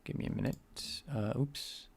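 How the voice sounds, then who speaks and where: Speaking at normal speed in a slightly mellow tone, this Englishman with a light Scouse accent codes a game on a live stream while talking with his viewers. He thinks out loud, responds to chat, and pronounces his words with care, all captured on a desk mic.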